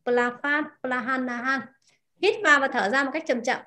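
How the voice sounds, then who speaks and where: A woman teaching a language class, repeating words slowly and asking her students questions. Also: high voice, fairly even intonation, pushed and bright. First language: Vietnamese. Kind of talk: explaining vocabulary to a class.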